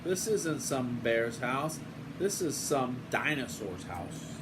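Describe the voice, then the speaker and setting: A man's voice: mid-range voice, slow pace. An older man voicing a headstrong, greedy little girl in a storybook, with a blunt, exclaiming delivery. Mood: sudden realization. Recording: home recording with steady room hum.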